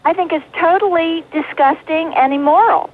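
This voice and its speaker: A woman's voice: very high voice, normal speed. A woman caller on a clipped car phone line, talking in an indignant, moralizing way on a call-in radio show.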